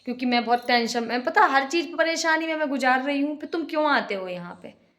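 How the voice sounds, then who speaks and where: A young woman venting emotionally in a casual home vlog, often speaking quietly while cooking in her kitchen. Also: high voice, animated, a little fast. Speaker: vlogger, single mother.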